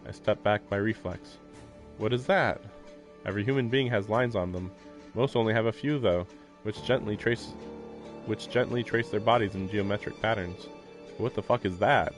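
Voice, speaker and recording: A game streamer reads a visual novel's text aloud and tosses in casual commentary, with the game music playing behind him. His voice is lowish and expressive, and he talks a little fast.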